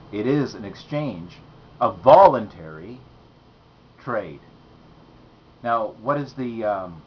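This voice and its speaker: A man hosting a philosophical monologue, talking in a hesitant way with many fillers and restarts, leaning hard on key words. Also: medium pitch. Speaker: host. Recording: dull lo-fi sound with faint noise.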